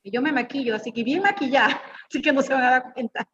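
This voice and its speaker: A middle-aged woman with a high voice gives a homey, teasing sermon, firing questions straight at the women in front of her. The sound is dull and lo-fi, with a long echo from a church hall. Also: fast, slight background noise. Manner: lively, teasing, questions the audience directly. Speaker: guest speaker at church women's meeting. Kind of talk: informal preaching with personal stories.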